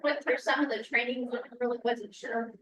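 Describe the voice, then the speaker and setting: A woman who is a new real estate agent, chatting in a halting, soft-spoken way. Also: on the high side, steady tone, a little hiss or hum. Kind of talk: casual small talk. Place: indoor training event. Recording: echoey room, distant mic.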